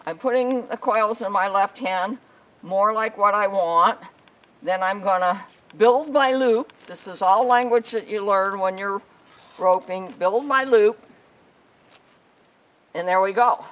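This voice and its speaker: A woman's voice: mid-range voice, slow pace, long pauses, poor audio. Woman soothing an alpaca in training. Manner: soothing repeated reassurances to an animal. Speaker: alpaca trainer and show host. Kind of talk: casual instructional vlog. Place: outdoor animal pen. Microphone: camera mic, handheld at times.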